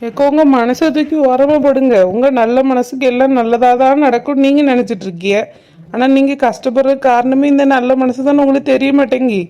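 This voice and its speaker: Woman doing a bossy young village girl, cartoon, high smooth voice, slightly muffled audio. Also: fairly even intonation, warm tone. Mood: scolding. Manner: brisk and bossy, scolds an older friend. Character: blunt young village woman giving advice. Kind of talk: cartoon drama voice acting.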